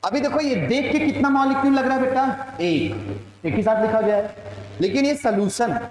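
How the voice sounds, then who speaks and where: A man with an Indian accent teaching a chemistry class, slowly dictating notes and quizzing students with questions he answers himself. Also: extremely high pitch, lively intonation, a little mellow, a little hiss or hum. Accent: Indian, Maharashtra. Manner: addresses students as "beta", asks and answers his own questions; slow dictation of English phrases mixed with quick Hindi explanation. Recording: very echoey classroom.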